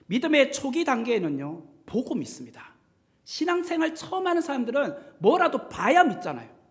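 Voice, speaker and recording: A male pastor delivering a sermon in a church, his voice sitting high and swinging widely in pitch. He preaches in a gentle, conversational way, asking the congregation questions. He acts out quoted lines, dropping to a hush or rising to a loud cry. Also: huge pitch swings, a little fast. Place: church sanctuary.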